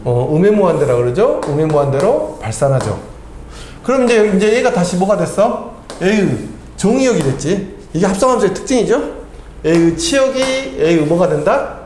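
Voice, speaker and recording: A man's voice: sits high, big pitch swings, moderate pace, darkish tone, slight background noise. A man tutoring math, quizzing his student with constant tag questions and chatting casually between problems. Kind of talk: tutoring lesson with casual chat. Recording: echoey room.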